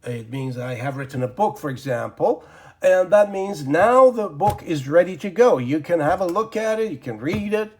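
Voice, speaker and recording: His voice is fairly high and expressive, moving at a moderate pace. Seated at his desk, this man, whose first language is Persian, rambles through an informal English grammar lesson, full of fillers and muttered self-talk as he draws.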